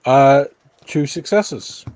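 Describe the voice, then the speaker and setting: Male tabletop player, unhurried delivery, medium pitch, casual game chat. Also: a little mellow.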